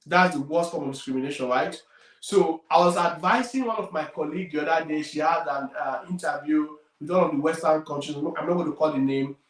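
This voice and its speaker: A man's voice: on the high side, fairly quick. Emphatic Nigerian man, roomy distant sound. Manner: emphatic, repeats key points, loudness swings widely. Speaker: career coach. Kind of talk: career advice talk.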